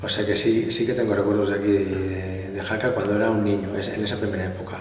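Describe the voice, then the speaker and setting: Middle-aged spanish colonel recalling stuff, halting and restarting, far off the mic in a big echoey hall. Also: male voice, lowish voice, flat delivery, a little mellow, slight background noise. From Spain. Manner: hesitant, restarts often, reminiscing. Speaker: interview guest, army colonel. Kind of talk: conversational interview answers.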